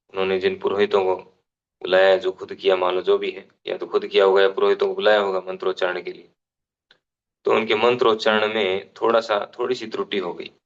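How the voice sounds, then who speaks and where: A man's voice: low-pitched, dull audio. A man giving a devotional scripture class, explaining unhurriedly, restating phrases and giving everyday examples.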